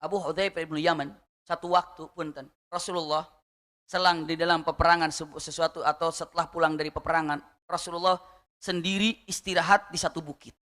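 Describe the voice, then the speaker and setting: A man preaching a sermon, telling a story with lively questions to the audience. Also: a little high, a little fast, long reverb tail.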